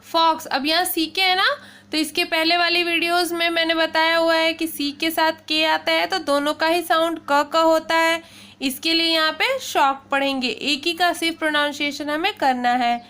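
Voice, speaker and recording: This woman's pitch is extremely high, her intonation fairly even, and her tone bright and forceful. Addressing children in a classroom-style lesson, she teaches pronunciation by spelling words letter by letter, explaining slowly and carefully and often saying "okay".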